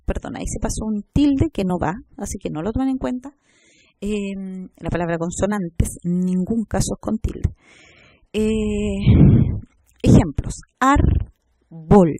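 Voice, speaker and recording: A woman giving a recorded lecture, explaining step by step, sounding out example words slowly and checking with short tag questions. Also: medium pitch, dark tone, no echo. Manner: spells out syllables slowly. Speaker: teacher.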